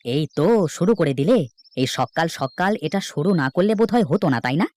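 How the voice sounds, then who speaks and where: A man's voice: on the high side, animated, a little fast, a little mellow, no room sound, close to an everyday voice. A man voicing a stern, grumbling village farmer and father in a cartoon, talking with sarcasm. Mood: sarcastic. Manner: scolding, sarcastic. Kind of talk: cartoon voice acting.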